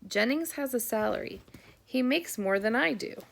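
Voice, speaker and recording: A woman reading the lines of a warm, eccentric older British archaeologist uncle, with a British accent and a dry, courteous, brisk manner. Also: a little high, animated, vocal fry, slight background noise. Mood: genial. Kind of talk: audiobook character voice.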